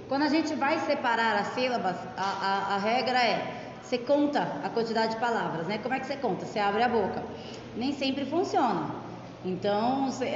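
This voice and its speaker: A woman teacher with a Brazilian Portuguese accent walks her students through an exercise patiently, one step at a time. Her voice sits somewhat high. It rings around an echoey classroom with a long tail of reverb, over a faint hiss. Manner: patient, explains step by step with frequent tag questions. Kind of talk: classroom explanation. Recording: echoey, dull lo-fi room recording.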